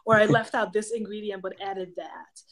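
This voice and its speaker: With a Hungarian accent, a woman in her thirties explains ideas patiently, listing one example after another in a mid-range, fairly bright voice at a moderate pace and fairly even intonation. She's a professor of pastoral theology guesting on a casual interview, speaking through a webcam on a video call from a book-lined home office.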